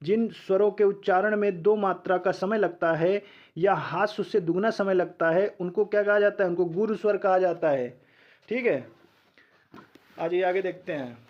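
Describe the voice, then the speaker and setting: A man with a high voice gives an exam-prep lecture at a normal pace, putting questions to learners and answering them himself while spelling out letters one at a time. The recording sounds lo-fi.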